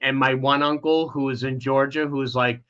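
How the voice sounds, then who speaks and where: A man's voice: mid-range voice, little pitch movement, moderate pace, a bit bright, clean tone, highs cut off. A middle-aged man, an interview guest, candidly telling a painful personal story with many restarts.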